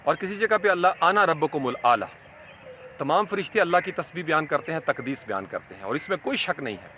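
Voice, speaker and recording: A man's voice: fairly high pitch, animated, pushed and bright, a little hiss or hum. A man giving a reflective religious lecture, explaining Quranic verses and mixing in English terms. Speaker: Islamic scholar.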